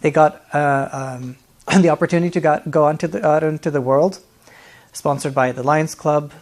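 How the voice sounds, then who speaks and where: A man, answering interview questions in a friendly, relaxed way, often laughing and pausing with fillers. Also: on the high side. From Norway. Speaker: guest, dance artist.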